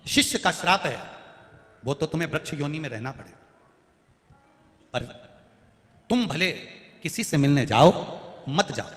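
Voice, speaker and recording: A male storyteller voicing a solemn, gracious male deity who speaks in measured, declaiming pronouncements. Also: on the high side, lively intonation, a bit bright. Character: solemn, gracious male elephant-headed deity granting boons. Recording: long hall reverb.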